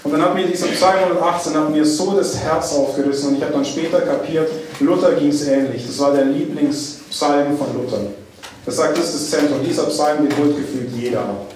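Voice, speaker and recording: A man preaching a sermon, dwelling on key phrases with drawn-out emphasis. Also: fairly high pitch, a little mellow, a little hiss or hum. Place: church hall. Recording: echoey church hall, mic at a distance.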